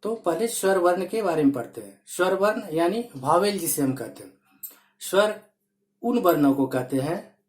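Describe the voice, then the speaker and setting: A man teaching a grammar lesson, speaking deliberately and naming letters one by one with examples. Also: sits high. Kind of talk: classroom-style grammar lesson. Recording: echoey room.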